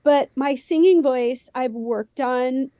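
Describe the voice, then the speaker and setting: A woman's voice: high-pitched, slow pace, dark tone, dry recording, muffled recording. A woman with a Southern California Valley Girl accent, a youthful teenage-sounding voice and a slight lisp, chatting casually and ramblingly as an interview guest. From San Fernando Valley, California. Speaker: musician, podcast guest.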